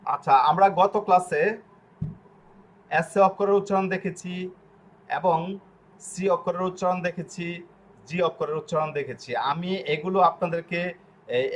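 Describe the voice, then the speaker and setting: Man, slow and repetitive as he teaches. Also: a little high, a little hiss or hum. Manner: slow, repetitive explaining with frequent fillers. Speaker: language teacher. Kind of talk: online class lesson.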